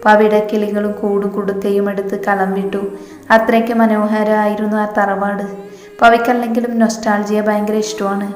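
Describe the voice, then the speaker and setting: A woman narrating a romance story in a steady, even reading voice. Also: mid-range voice, normal speed. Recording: echoey room with long reverb.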